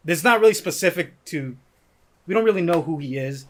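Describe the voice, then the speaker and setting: A man's voice: on the high side, expressive, fairly quick, slight background noise. A man with a slight lisp, hosting a casual podcast chat and reading out movie descriptions for a guessing game. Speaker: podcast host running a game.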